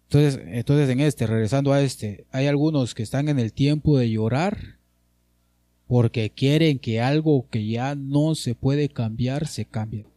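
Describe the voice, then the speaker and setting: A man preaching with fervent, pleading repetition, his lines often sinking to a hush at the close. His voice is dark and mellow. The sound is dry and close. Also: medium pitch, unhurried, no echo. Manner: fervent, repetitive pleading, drops soft at ends. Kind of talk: sermon.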